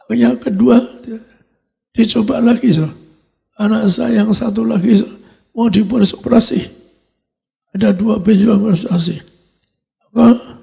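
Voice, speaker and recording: A man's voice: sits high, vocal fry, darkish tone. An older man preaching a sermon as pastor, emphatic and repetitive, dropping in English words. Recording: live-streamed church service.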